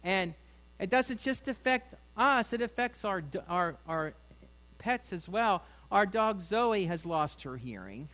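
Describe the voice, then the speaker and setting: High-voiced folksy preacher man. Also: animated, slow, pushed and bright, low-quality recording. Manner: folksy, rambling, with frequent restarts and asides to the congregation. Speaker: pastor. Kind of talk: sermon.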